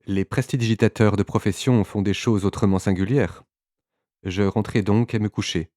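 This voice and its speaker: A man narrating a literary audiobook in a measured way, with occasional small hesitations. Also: lowish voice, steady tone, dark tone, no room sound, clean studio sound.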